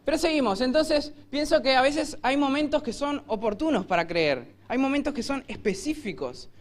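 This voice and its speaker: A man with a Rioplatense Spanish accent preaching a sermon in a church, telling the story vividly and acting out shouted lines. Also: extremely high pitch, animated, normal speed. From Argentina. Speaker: pastor.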